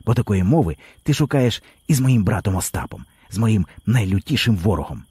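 A man's voice: lowish voice, big pitch swings, fairly quick, dark tone, slightly rough, dry recording, heavily acted. A man voicing a cold, estranged young son who talks to his mother in a detached way in an audiobook. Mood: cold aloof. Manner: aloof, detached.

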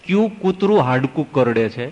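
A man voicing an irritated monk who scolds an assembly in a sharp, indignant outburst. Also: mid-range voice, big pitch swings, moderate pace, highs cut off. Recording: long hall reverb.

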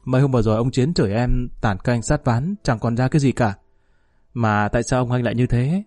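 A nervous, fawning gangster underling pleads in a raised, eager voice, as a male narrator puts him on. The tone stays mellow and dry, with faint music behind this audio story. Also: medium pitch, fairly quick, dry recording, close to an everyday voice. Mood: pleading.

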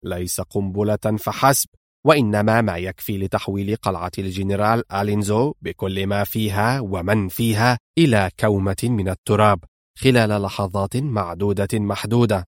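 A cold spy mastermind, put on by a male narrator, speaks in a low, hushed register. His delivery is calm, clipped and menacing, and every order sounds final. The audiobook recording is dry and close. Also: a little fast, dry recording, lightly acted. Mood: cold, commanding.

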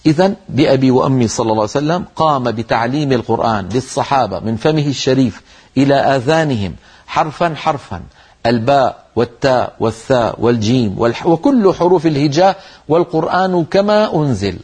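A man's voice: medium pitch, animated, fast talker, darkish tone, breathy edge. A man teaching Quran recitation in a televised religious lesson, speaking earnestly and demonstrating how verses are read aloud.

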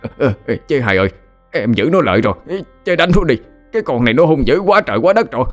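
A man voicing a panicky demon servant in an audio horror story, shouting. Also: medium pitch, very animated, faint music behind, pitched above the performer's own voice, lightly acted. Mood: frantic. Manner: frantic, rushed shouting.

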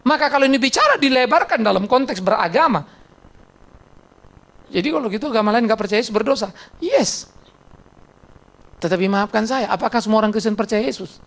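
A male pastor preaching a blunt, emphatic sermon in church. He fires rhetorical questions at the congregation, and his pitch swings sharply when he stresses a point. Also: animated, a little fast, long pauses, fairly bright tone.

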